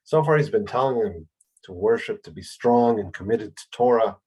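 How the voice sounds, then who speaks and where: A man lecturing on a Bible text, speaking thoughtfully with pauses and fillers. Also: lowish voice, lively intonation, darkish tone, breathy edge, rough recording. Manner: lifts his voice to act out quoted speech. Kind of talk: explanatory lecture.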